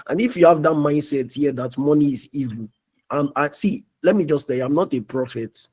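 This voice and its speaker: A man's voice: fairly high pitch, fairly quick, a little mellow, slightly rough. A young man giving a preachy motivational talk as a mentor in a live online meeting, often asking "you understand?".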